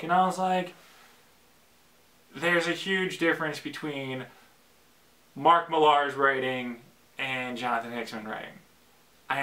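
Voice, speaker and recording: A man hosting his own show alone in a basement, talking casually and excitedly, rambling with loud bursts of enthusiasm. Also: on the high side. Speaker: podcast host. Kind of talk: casual solo talk.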